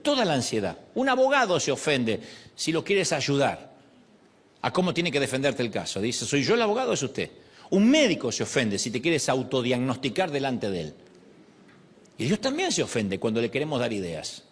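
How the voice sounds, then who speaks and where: Animated preacher man. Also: a little high, husky. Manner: animated, acts out prayers and quoted voices. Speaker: pastor. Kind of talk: sermon.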